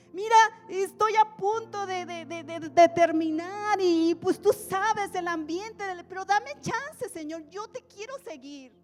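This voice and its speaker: A woman's voice: very high voice, voice pushed up. A woman voicing an anxious young male student who stammers and pleads for more time. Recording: echoey church hall, soft music.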